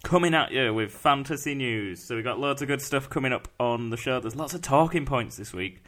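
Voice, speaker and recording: A man's voice: medium pitch, expressive, a little fast, fairly bright tone. A man hosting a casual podcast, joking and laughing with his co-host. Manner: jokey, laughs a lot. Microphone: headset.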